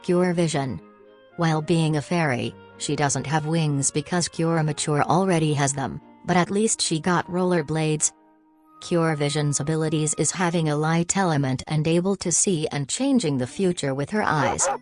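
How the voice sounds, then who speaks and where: Low-voiced woman narrating casually. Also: normal speed, a little mellow, faint music behind. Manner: offhand and self-deprecating. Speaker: fan video creator.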